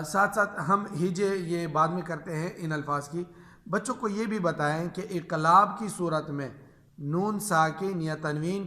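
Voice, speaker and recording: A man teaching the rules of Quran reading, patiently repeating each rule and spelling out examples slowly. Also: on the high side, bright, forceful tone. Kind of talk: explaining tajweed rules to teachers.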